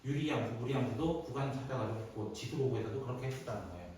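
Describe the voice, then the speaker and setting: A man's voice: mid-range voice, racing, a little mellow. Man, math teacher, classroom lecture, asks and answers himself, roomy echo, faint hiss. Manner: reviews step by step, asks and answers his own questions. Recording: echoey classroom from far off, faint noise.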